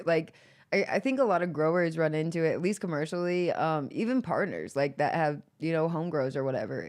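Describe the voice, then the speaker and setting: A woman hosting a casual podcast, rambling through her thoughts with constant "like" fillers and frequent laughter. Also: low-pitched. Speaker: podcast host.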